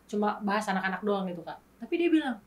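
A woman guest on an interview show, telling her story in candid, animated casual chat and acting out past arguments. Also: mid-range voice, quick pace, far from the mic.

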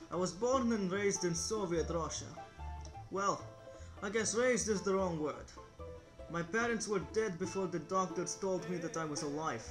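A teenage boy acting as a brooding young orphan investigator in a student film, earnest and questioning, quick to anger. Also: high-pitched. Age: teens. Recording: echoey room, distant mic.

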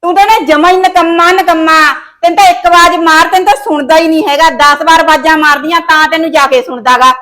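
A woman's voice: very high voice, fairly even intonation, fast, hardly any pauses, pushed and bright. A woman playing a domineering, scheming mother-in-law in a village comedy short film, scolding her son.

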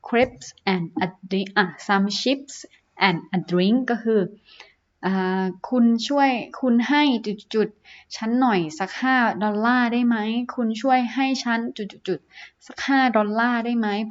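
Thai woman teaching English, slow and clear. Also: mid-range voice, muffled recording. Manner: reads English sentences slowly, then explains in Thai with fillers. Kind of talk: online English lesson.

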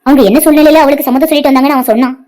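A woman voicing a caring young wife in a cartoon, earnest and quick to scold. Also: high-pitched, steady tone, darkish tone, natural voice. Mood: reproachful.

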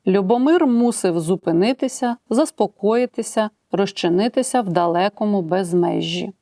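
A woman teacher giving a recorded grammar lesson, explaining rules clearly and reading out example sentences before taking them apart step by step. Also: mid-range voice, warm tone, dry recording, clean studio sound. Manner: clear, measured explaining, reads examples aloud and breaks them down.

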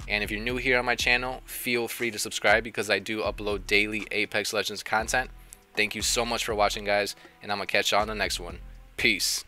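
A man's voice: on the low side, steady tone, brisk. A man hosting a gaming channel, chatting casually and slangily over gameplay. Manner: slangy, informal. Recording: loud music and game gunfire behind. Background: music and gunfire.

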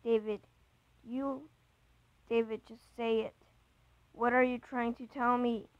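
A woman's voice: fairly high pitch, little pitch movement, slow, dry recording, dull audio. A woman voicing Mary, a worried, pushy girlfriend. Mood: pressing. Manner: insistent, pressing questions. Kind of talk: reading a chat story aloud.

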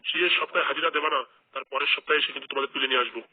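A man's voice: mid-range voice, fairly even intonation, racing, far from the mic, close to an everyday voice. A man playing a stern, threatening police officer in a comic audio skit, speaking brusquely. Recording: tinny phone-like audio.

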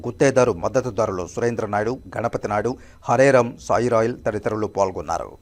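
A man's voice: lowish voice, fast talker. Man reading a scripted news report.

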